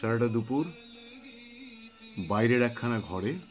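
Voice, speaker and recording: A man reading and talking about poetry, telling the story behind the poems in an unhurried way with thoughtful pauses. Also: medium pitch, animated, darkish tone, faint music behind. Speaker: poetry reader and speaker. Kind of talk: reflective spoken commentary on poetry.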